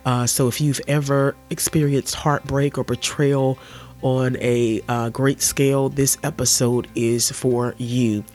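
A man's voice: mid-range voice, flat delivery, unhurried, faint music behind. Nasal, under-the-weather male podcast host. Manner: earnest, gentle advice-giving. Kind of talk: casual solo podcast monologue.

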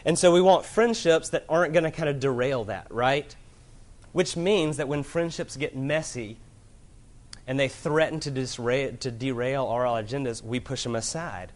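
A man preaching a sermon to a room of listeners, earnest, moving from loud emphasis to hushed gravity. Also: mid-range voice, normal speed. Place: room with an audience.

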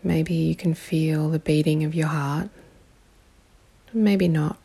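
A woman guiding a meditation in a calm, soothing way, with long pauses and a soft, breathy, partly whispery voice. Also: sits low. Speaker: meditation guide. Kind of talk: guided meditation.

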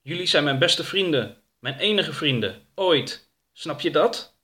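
A man's voice: fairly high pitch, lively intonation, unhurried, a bit bright, voice pushed up. Male narrator playing a timid, tearful young woman; hesitant, voice lifted a bit, storybook. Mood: pleading. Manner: hesitant, anxious. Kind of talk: storybook reading.

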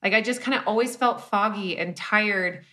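A woman in her thirties talks openly as a guest in a relaxed interview. Her voice is bright and clear, and her speech wanders with restarts and fillers as she tells her story. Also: mid-range voice, normal speed. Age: 30s. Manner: candid, rambling with frequent restarts and "like". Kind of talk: casual conversational interview.

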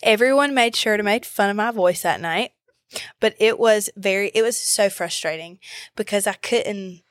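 A woman chatting informally as a podcast co-host, with a slightly hoarse voice at a middle pitch. The sound is dry and close, with very little room on it. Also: normal speed, no echo. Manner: informal, conversational. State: hoarse, voice recovering after losing it. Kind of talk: casual chat.

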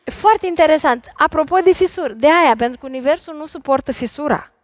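A middle-aged woman therapist speaks from a stage with a bright, high voice. She talks in a lively way and keeps asking the listeners questions. The sound is dry and close. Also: no room sound. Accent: Romanian. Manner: lively, questioning the audience directly. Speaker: imago couples therapist. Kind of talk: talk on stage before an audience. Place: large concert hall stage.

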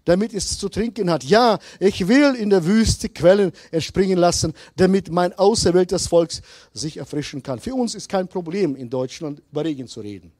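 A middle-aged man preaching a sermon as pastor, slow and emphatic, swinging between loud appeals and hushed asides. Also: sits high, no room sound, studio quality.

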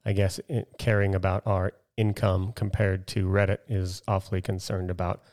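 A man's voice: low voice, level tone, normal speed, darkish tone. A man co-hosting a casual chat, talking in a loose, joking way. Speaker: podcast co-host.

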